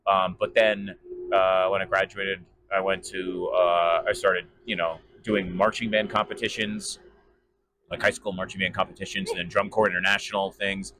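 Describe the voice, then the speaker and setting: Being interviewed here is a man who works as a sports PA announcer and voice actor, answering casually in a hesitant, rambling, conversational manner. His voice is low and his delivery flat at a normal speed, with background noise present.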